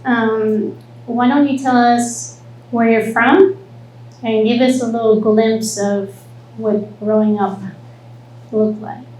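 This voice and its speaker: A woman co-hosting a live podcast in front of an audience, asking questions at a slow, deliberate pace. Her voice is fairly high. The sound is roomy, with a faint hum underneath. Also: fairly even intonation, darkish tone. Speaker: guest co-host. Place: live event venue with audience.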